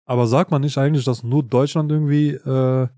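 A man from Kosovo talks in an easygoing podcast chat and takes his time explaining. His voice sits at a middle pitch. The sound is close-miked and dry. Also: fairly even intonation, a little fast, mellow, no room sound. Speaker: podcast co-host.

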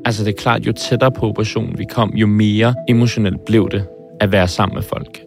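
A man in his twenties, speaking hesitantly and thoughtfully in an interview, often pausing and restarting. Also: on the low side, fairly even intonation, vocal fry, faint music behind. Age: 20s. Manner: hesitant, pauses and restarts, searching for words. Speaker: film director interviewed about his heart surgery. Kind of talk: reflective interview.

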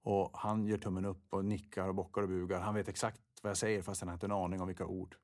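A football referee appears as a guest in an interview, speaking in a low, darkish voice with little pitch movement. He sounds reflective and often poses rhetorical questions to himself.

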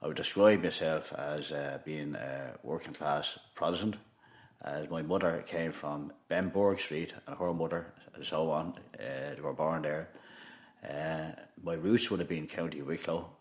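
A man's voice: extremely low pitch, measured pace, echoey room. An older retired man with a Dublin accent, answering interview questions hesitantly with many ums. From Ireland.

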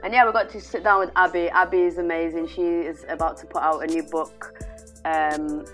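A woman's voice: on the low side, steady tone, normal speed, a bit bright, faint music behind. A woman co-hosting a podcast, introducing and interviewing guests in a casual, informal way. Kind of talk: casual chat.

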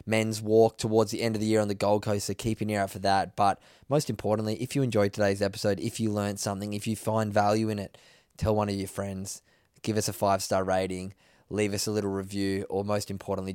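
A man's voice: fairly low pitch, darkish tone, no echo, studio quality. A man hosting a casual podcast interview, upbeat and chatty, calling his guest mate. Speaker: podcast host. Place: indoors, travelling in New Zealand.

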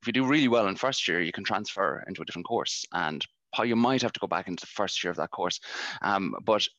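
A man's voice: low-pitched, lively intonation, quick pace, bright, forceful tone, dry recording, highs cut off. A man with a west of Ireland accent, telling casual, rambling stories as an interview guest. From County Galway, west of Ireland. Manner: rambling, conversational storytelling. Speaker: podcast guest, company founder.

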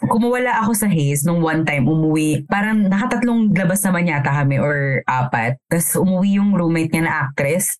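A woman's voice: deep voice, expressive, normal speed. A woman around thirty telling a frank, profane story with many fillers in a casual podcast chat. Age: 30s. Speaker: podcast co-host.

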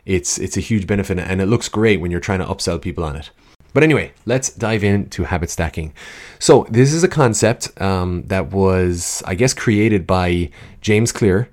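A man's voice: sits low, normal speed, a little mellow. A man hosting a podcast, talking informally and chattily straight to his listeners into a good podcast microphone, drifting into tangents. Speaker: podcast host, coach. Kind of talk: casual solo podcast talk with scripted opening. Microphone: studio podcast microphone.

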